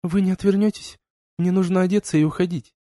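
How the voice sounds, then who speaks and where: A man's voice: high-pitched, steady tone, fast talker, dark tone, no echo, studio quality, pitched above the performer's own voice, close to an everyday voice. A man reading an audiobook, voicing a confused, ashamed young woman crew member in a raised voice. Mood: weak, uneasy.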